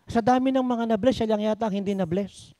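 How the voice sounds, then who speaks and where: A man preaching a sermon in Tagalog-style storytelling, swinging between high exclamations and low asides. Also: a little fast, mellow, dry recording. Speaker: pastor.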